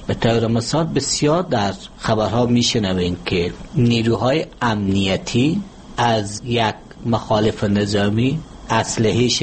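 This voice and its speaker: A man speaks as an interview guest, lecturing slowly and carefully with small hesitations. His voice sits at an ordinary middle pitch, with a faint hiss of noise under it. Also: a little mellow. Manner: measured, lecturing, with hesitant fillers. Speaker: language expert guest. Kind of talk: formal interview explanation.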